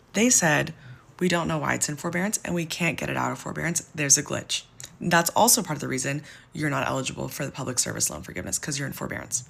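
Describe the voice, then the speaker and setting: A woman's voice: sits low, creaky, pushed and bright, slightly rough. A woman venting at length, frustrated and close to tears, in a personal vlog. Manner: frustrated, exasperated, near tears. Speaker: social media poster.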